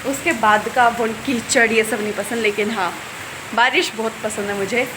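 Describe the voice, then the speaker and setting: Young adult woman, vlogger, casual and chatty, a touch high-pitched, given to griping. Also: steady tone, normal speed, background noise. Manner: chatty, complaining rants. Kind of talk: casual day-in-my-life vlog.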